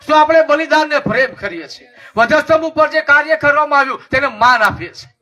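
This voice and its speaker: Impassioned high-voiced male preacher. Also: animated, quick pace, bright, forceful tone, dull audio. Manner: impassioned, repetitive preaching cadence. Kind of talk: sermon.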